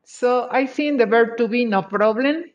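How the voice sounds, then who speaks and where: An English teacher going over exercise answers with a class, praising each answer and switching between English and Spanish. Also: mid-range voice. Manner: encouraging, checks answers with short praise; slow, deliberate delivery. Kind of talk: live class exercise review. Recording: dull lo-fi audio.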